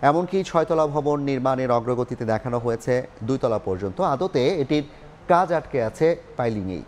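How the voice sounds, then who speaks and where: A male news anchor reading scripted headlines in a formal, measured way. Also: mid-range voice, animated, darkish tone, slight background noise.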